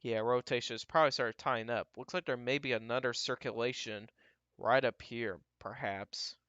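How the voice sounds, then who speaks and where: A man giving casual, off-the-cuff live weather radar commentary as a livestream storm tracker, halting and repeating himself as he talks through what he scans. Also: mid-range voice, steady tone, a bit bright, no echo, lo-fi sound. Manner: talks to himself while scanning, halting and repetitive.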